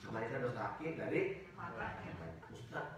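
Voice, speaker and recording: A man preaching in a relaxed, joking way, now and then putting on the whiny voices of people who bring him their complaints. His voice comes from some distance and rings around a large, echoing mosque hall, with a faint hum of the room behind. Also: mid-range voice, normal speed. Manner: acts out congregants' complaints in raised voices, jokes with the audience. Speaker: ustaz giving a study circle talk. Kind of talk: casual humorous sermon. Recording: echoey mosque hall from far off.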